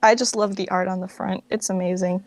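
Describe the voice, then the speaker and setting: A young woman in her late teens, the founder of a fan project, chats casually and informally as an interview guest. Her medium-pitched voice is steady and a little mellow, slightly fast, with no room sound.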